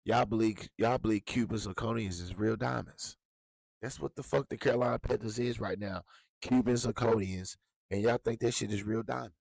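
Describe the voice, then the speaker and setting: A man's voice: on the low side, normal speed, creaky, darkish tone, no room sound. A man giving a blunt, profane, heated rant as a sports commentator. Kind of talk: ranting sports talk.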